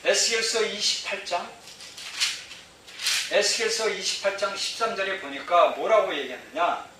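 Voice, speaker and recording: A man's voice: sits high, normal speed. A man preaching a sermon as pastor, emphatic, repeating phrases and asking the congregation rhetorical questions. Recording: very echoey hall, mic far off, faint noise.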